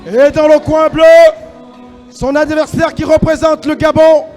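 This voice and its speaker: A man working as a boxing ring announcer, calling out introductions in a loud, drawn-out, declamatory way. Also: very high voice, flat delivery, faint music behind. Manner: shouted, drawn-out, declamatory delivery.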